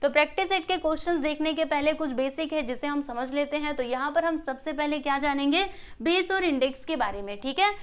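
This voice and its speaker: A woman with a high voice talks through a maths lesson, explaining one small step at a time. She keeps checking in with the class and asks them questions before she gives the answer. It sounds like a close voice-over recorded while she writes on the board. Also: brisk. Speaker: maths teacher.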